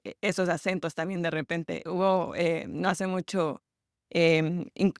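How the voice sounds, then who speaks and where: Mexican woman guest, smooth clear tone, dry close mic, reflective and a bit hesitant. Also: deep voice, no echo. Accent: Mexico City Mexican. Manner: thoughtful, reflective, hesitant with fillers and laughs. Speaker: podcast guest, journalist. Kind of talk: casual podcast conversation.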